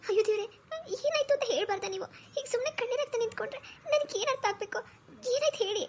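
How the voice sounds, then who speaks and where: A woman voicing a kind, pregnant young village wife in a cartoon story, speaking in a soft, caring, forgiving way. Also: extremely high pitch, rapid-fire, a little hiss or hum. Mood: worried.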